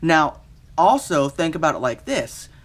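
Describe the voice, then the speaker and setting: Higher-pitched man reviewing gear. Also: very animated, a little slow, a bit bright. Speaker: product reviewer. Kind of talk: casual gear review, unscripted.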